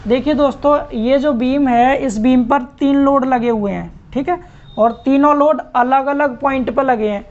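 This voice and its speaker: A man's voice: extremely high pitch, normal speed. A man teaching an online lecture, explaining step by step and repeating key terms. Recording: muffled lo-fi recording.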